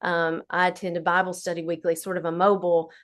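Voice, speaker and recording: A woman's voice: on the low side, little pitch movement, fast talker. A woman with an Appalachian accent chatting casually as an interview guest, in a folksy, unflattened dialect. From Appalachia, United States.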